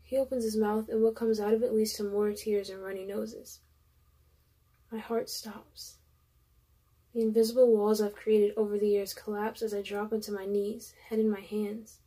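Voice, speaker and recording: Husky young woman reading a sad story. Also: mid-range voice, flat delivery, normal speed, warm tone. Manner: emotional first-person reading with asides. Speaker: reader of a story.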